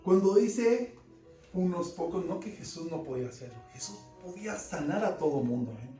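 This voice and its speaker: A man preaching a fervent sermon, swinging between loud emphasis and quiet asides. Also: high-pitched, animated, normal speed. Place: church service. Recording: roomy church sound from a distant mic, faint music behind.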